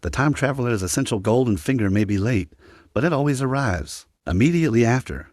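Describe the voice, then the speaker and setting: A man's voice: mid-range voice, lively intonation, fairly quick, a little mellow, no room sound. Man reading a first-person story, mid voice, dry close sound. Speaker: recap narrator.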